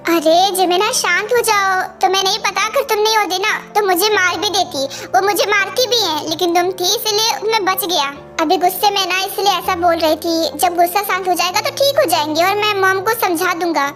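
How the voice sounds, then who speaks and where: बहुत ऊँची आवाज़ में बोला गया एक ख़याल रखने वाला, रक्षक युवा प्रेमी, जिसे एक महिला डब करती है। वह मनाने और समझाने वाले नरम लहजे में बोलता है। पीछे हल्का संगीत है।. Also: female voice, extremely high pitch, moderate pace, hardly any pauses, over music. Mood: soothing. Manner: soothing, pleading. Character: caring young man, protective boyfriend. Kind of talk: amateur fan dub.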